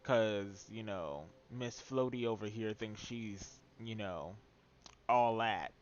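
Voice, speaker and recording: A man streams a video game, tossing out casual, sarcastic, teasing asides about the story as he plays. His fairly low voice is slow, and the recording sounds muffled.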